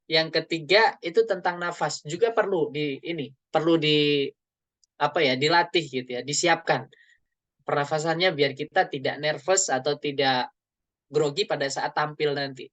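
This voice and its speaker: A man, a public speaking trainer giving a webinar talk and explaining step by step, often tagging his phrases with a soft "gitu ya". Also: a little high, dry recording.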